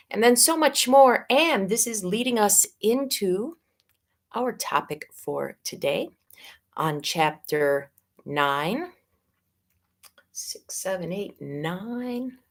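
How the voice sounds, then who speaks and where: A middle-aged woman with a Midwestern American accent gives a spiritual teaching talk. Her voice sits a little low and stays gentle. She is unhurried and stretches out the words that matter. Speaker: yoga teacher.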